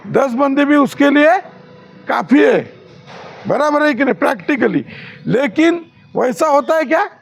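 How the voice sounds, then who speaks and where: A man's voice: very high voice, expressive, measured pace, vocal fry, long pauses. A man training security guards in class, quizzing the trainees with questions and showing rude and polite ways to talk.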